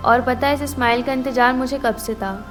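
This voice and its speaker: A kind, encouraging talking bird that stands for the heart, as a woman reads it in a storybook narration. The voice is high and soothing, and faint music plays under it. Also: fairly even intonation, normal speed, close to an everyday voice.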